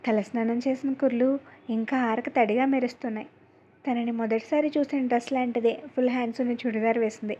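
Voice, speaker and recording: A woman narrating a first-person love story aloud in a calm, measured storytelling manner. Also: fairly high pitch. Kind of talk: reading an audio story aloud. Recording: dull lo-fi recording.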